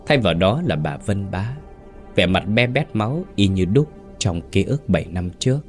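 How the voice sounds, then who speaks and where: A man's voice: fairly low pitch, lively intonation, moderate pace, soft background music. A man narrating a horror story in a suspenseful, dramatic way.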